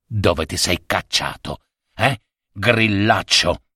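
A man voicing a hot-tempered, violent peasant husband in a folk tale, gruff and threatening with drawn-out words. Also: fairly low pitch, animated, a bit bright, no echo, clean studio sound, exaggerated voice.

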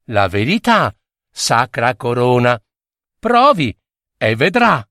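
A man voicing a loud male street charlatan who cries his wares in a sing-song way. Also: medium pitch, sing-song, slow, no room sound, studio quality, pitched below the performer's own voice. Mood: cheeky.

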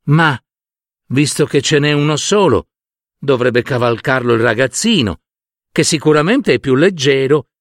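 A man's voice: mid-range voice, lively intonation, a little slow, no room sound, clean studio sound, lightly acted. A man voicing a young village girl who speaks with tender pity, in a spoken folk tale. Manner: tender, pitying.

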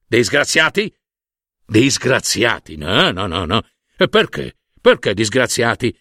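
A man's voice: medium pitch, very animated, slow pace, no echo, voice pushed down, full character voice. A man voicing a sanctimonious, greedy old monsignor who fusses, preaches and wheedles. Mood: scornful. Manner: fussy, wheedling, preachy, with soft asides. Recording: dry close studio sound.

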